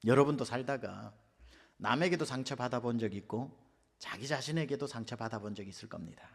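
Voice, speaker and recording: A middle-aged male pastor preaching a dramatic sermon, acting out inner voices and swinging from loud to hushed. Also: medium pitch, a little fast, vocal fry, husky. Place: large church sanctuary. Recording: long hall reverb.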